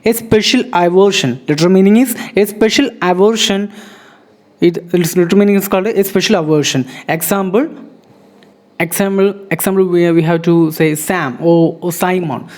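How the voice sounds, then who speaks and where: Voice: medium pitch, a little mellow. A teacher gives a recorded vocabulary lesson. The teacher says each word and its meaning several times, spells out the silent letters and often stops to restart with fillers. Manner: halting, with frequent restarts and fillers. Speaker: English grammar teacher.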